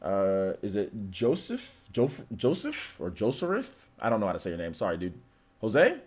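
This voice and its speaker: A man in his forties hosts a livestream, reading viewer messages and chatting in a laid-back, rambling, slangy way. His husky voice sits on the low side with huge pitch swings at a normal speed.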